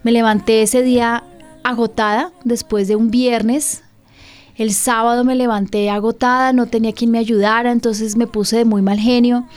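A woman's voice: fairly high pitch, little pitch movement, normal speed, a little mellow, soft background music. Candid woman pastor on radio. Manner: candid, conversational, asks listeners direct questions. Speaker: pastor and radio program host.

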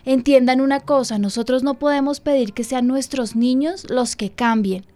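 High-voiced woman pastor. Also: fairly even intonation, warm tone. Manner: heartfelt, confessional, slows down for emphasis. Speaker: pastor and radio show host.

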